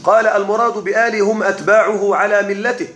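Slow, deliberate male teacher, high-pitched. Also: fairly even intonation, a bit bright. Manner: slow and deliberate, often checks the class is following. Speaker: teacher explaining a classical text. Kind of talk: slow classroom lesson. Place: classroom. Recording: echoey room.

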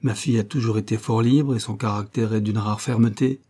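A man's voice: fairly low pitch, fairly even intonation, brisk. A man voicing a proud middle-aged nobleman who turns indignant and raises his voice in an audiobook scene. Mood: guarded. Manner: indignant, hoarse shouting.

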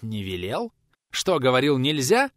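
A male narrator voicing a gruff, irritable elderly pensioner in an audiobook, speaking brusquely and with command. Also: medium pitch, very animated, moderate pace, dry recording, clean studio sound, close to an everyday voice.

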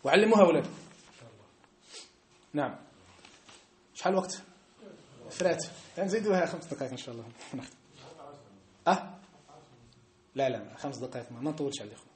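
A man with a North African Arabic accent gives a religious lesson in a quick, rapid-fire delivery, his voice sitting fairly high. He talks emphatically and keeps tossing rhetorical checks at his class. The sound carries a roomy echo. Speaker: religious teacher. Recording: echoey room.

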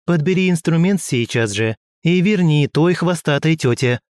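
A man's voice: on the high side, lively intonation, normal speed, darkish tone, smooth, dry recording, pitched above the performer's own voice, close to an everyday voice. Guy doing a bossy cocky little sorceress girl, voice pushed way up, dry sound.

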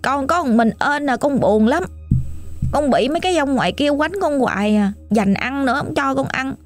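A woman's voice: sits high, expressive, moderate pace, soft background music, voice pushed up. A woman voicing the ghost of a lonely, hungry little boy in a told ghost story, pleading and whiny, with a Southern Vietnamese accent. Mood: sulky, pleading.

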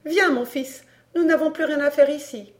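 A woman doing a haughty, sharp-tongued mother. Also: sits high, normal speed, pitched above the performer's own voice, close to an everyday voice. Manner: sharp, peremptory. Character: haughty, overbearing middle-aged mother.

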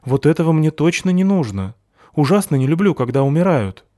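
A man's voice: on the high side, very animated, a little fast, no room sound, studio quality, pitched above the performer's own voice. A man voicing a sweet young blonde woman. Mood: gentle friendly. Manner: gentle, friendly.

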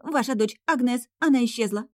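A woman's voice: on the high side, fairly quick, a little mellow, no echo, studio quality, pitched above the performer's own voice, close to an everyday voice. A woman voicing a breathless, panicking female governess in an audiobook. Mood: panicked. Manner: breathless, lamenting.

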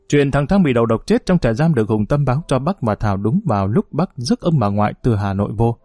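A man reading a novel aloud as scripted audiobook narration, steady and measured. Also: mid-range voice, no echo, studio quality.

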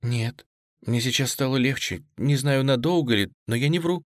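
A man's voice: medium pitch, normal speed, dry recording, natural voice. Storybook young woman, scared and teary, trembling pleas, voice lifted, done by a male reader; dry booth sound. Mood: frightened. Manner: trembling, pleading, tearful. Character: frightened tearful young woman, pleading.

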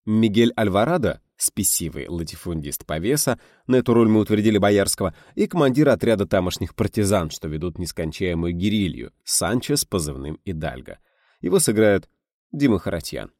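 Low-voiced man narrating an audiobook with animation. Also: brisk, no room sound, studio quality. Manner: animated storytelling, voicing characters.

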